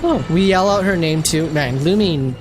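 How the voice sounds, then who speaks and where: A woman streamer reacting live and casually to a game, excitable and slangy, repeating herself in disbelief. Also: low-pitched, normal speed, music in the background.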